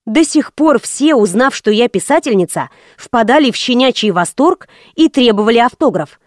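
A woman narrating an audiobook in an even storytelling read. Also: fairly high pitch, moderate pace, no room sound, clean studio sound. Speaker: audiobook reader. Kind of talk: scripted narration.

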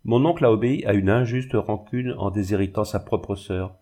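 A man reading a calm, firm young woman. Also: fairly low pitch, normal speed, natural voice. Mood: resolute. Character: firm, generous young woman of a glassmaking family.

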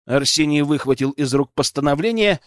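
A man's voice: a little high, fairly quick, dry recording, clean studio sound. A man narrating a first-person story as an audiobook, with an ironic, storytelling manner.

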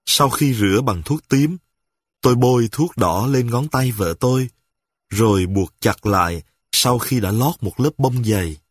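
A man reading a humorous story aloud with lively, dramatic storytelling. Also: medium pitch, a little slow, slightly rough, dry recording.

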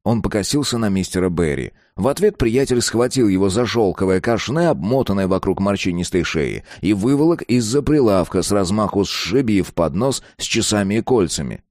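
A man narrating an audiobook in a steady, even storytelling manner. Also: lowish voice, moderate pace, few pauses, no echo, studio quality.

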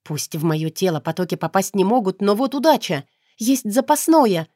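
A woman narrating a first-person fantasy audiobook in a steady, expressive storytelling voice. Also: medium pitch, normal speed, no echo, clean studio sound.

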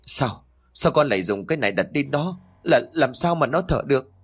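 A man's voice: lively intonation, normal speed, a bit bright, husky. A man voicing a frantic, grieving older grandmother who wails and scolds in a raised voice. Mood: accusing. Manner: wailing, shrill scolding.

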